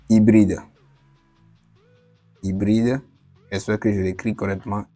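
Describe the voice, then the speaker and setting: Male teacher, even and monotone delivery, talks viewers through diagrams as he writes. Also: lowish voice. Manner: explains while writing, casual asides to viewers; apologizes for his English pronunciation. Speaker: electronics teacher. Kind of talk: whiteboard lesson.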